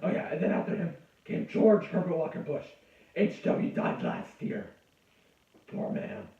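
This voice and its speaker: A man's voice: fairly high pitch, wildly swooping pitch, measured pace, creaky, warm tone. Profane rambling man lecturing in an echoey room. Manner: crude, profane, self-interrupting and rambling. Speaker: comic history lecturer. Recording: echoey, distant, dull lo-fi room sound.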